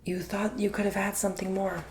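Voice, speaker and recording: A man giving an intimate, chatty ASMR tarot reading, drifting between soft speech and whispers and calling the listener honey. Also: high voice, flat delivery, a little fast, slight background noise. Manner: repeats words for emphasis. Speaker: tarot reader.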